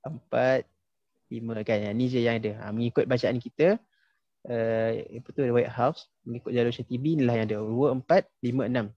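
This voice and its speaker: A young man from Malaysia, working as a tajwid teacher, leads a casual online lesson where he patiently quizzes students and fills gaps with "ha" and "okey." His medium-pitched voice is brisk and warm, with fairly even intonation. The lo-fi recording has no room sound.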